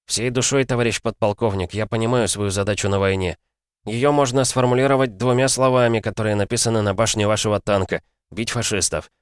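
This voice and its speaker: A man's voice: fairly low pitch, steady tone, brisk, smooth, dry recording, clean studio sound, natural voice. A man voicing an earnest, idealistic young male lieutenant who speaks solemnly.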